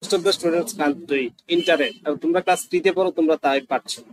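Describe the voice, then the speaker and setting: A man's voice: a little high, steady tone, quick pace, a little hiss or hum, low-quality recording. A man teaching a class, patiently repeating phrases and prompting his students. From Bangladesh. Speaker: English teacher.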